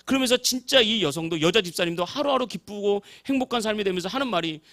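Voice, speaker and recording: A man's voice: sits high, animated, fast, a bit bright. A male pastor preaching in a church, telling a story and acting out the voices of the people in it. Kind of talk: sermon. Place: church sanctuary.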